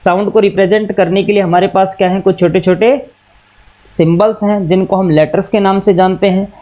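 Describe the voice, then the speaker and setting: A high, mellow male voice with the highs cut off belongs to a teacher with an Indian accent giving a classroom lesson. He asks questions only to answer them himself, moves between Hindi and English, and keeps repeating and summarizing with patience.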